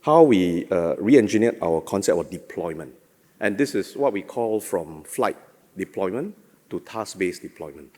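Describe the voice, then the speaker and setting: A man's voice: low voice, lively intonation, normal speed, warm tone. A man giving a conference keynote as a chief executive, with a polished, formal corporate delivery, in an echoey hall. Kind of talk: prepared conference keynote presentation. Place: large indoor conference hall. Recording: echoey hall with long reverb.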